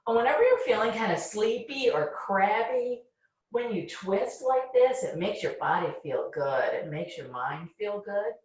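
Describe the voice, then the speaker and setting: A woman leading a children's yoga class, giving gentle, encouraging step-by-step instructions. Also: medium pitch, lively intonation, a little slow. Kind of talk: guiding a kids' yoga class. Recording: distant, very echoey, dull-sounding room recording.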